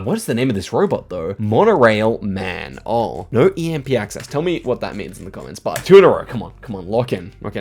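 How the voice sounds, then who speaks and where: A young man giving gameplay commentary, thinking aloud and questioning himself as he goes. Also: fairly low pitch. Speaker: gaming channel host.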